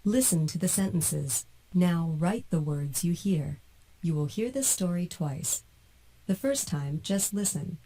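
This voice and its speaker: A woman narrating a textbook listening exercise in an even, carefully enunciated reading. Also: lowish voice, a little slow, poor audio. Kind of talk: scripted textbook audio narration.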